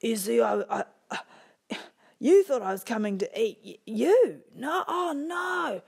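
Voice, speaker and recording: Woman voicing a storybook wolf, gruff, weary, tearful, stammering. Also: on the high side, lively intonation, measured pace, darkish tone, voice pushed up, heavily acted. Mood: flustered. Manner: sobbing, stammering, pleading. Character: gruff tired hungry male wolf, teary.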